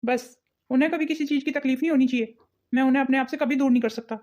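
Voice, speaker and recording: A woman's voice: high voice, fairly even intonation, fast talker, darkish tone, lightly acted. A woman voicing an arrogant married man in a cartoon family drama, who speaks defiantly and with contempt. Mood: soothing. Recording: dull lo-fi audio.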